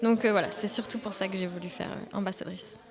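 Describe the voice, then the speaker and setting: A woman's voice: medium pitch, steady tone, fast, crowd noise. A young woman answering as a radio panel guest, fluent and running her sentences together. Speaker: volunteer, programme ambassador.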